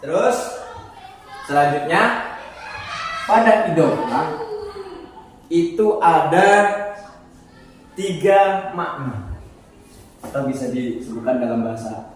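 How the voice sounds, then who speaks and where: A man giving a casual grammar lesson, explaining slowly, repeating terms and restarting words. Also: a little high, expressive, slight background noise. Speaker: teacher of Arabic grammar. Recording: echoey room, voice far from the mic.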